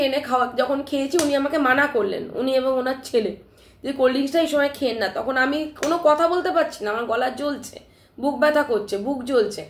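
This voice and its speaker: A woman retelling a personal scare to her live-stream viewers in an animated, emphatic way, often checking in with her listeners, while her throat is still sore. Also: high voice, reverberant, a little hiss or hum. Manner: animated, emphatic retelling with frequent "ঠিক আছে?" check-ins. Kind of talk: casual live-stream storytelling.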